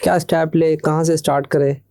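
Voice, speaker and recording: A young man hosting a podcast, asking questions in a quick, hurried way. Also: a little high, little pitch movement, mellow. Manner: talks fast, hurried. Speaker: podcast host. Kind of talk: podcast interview.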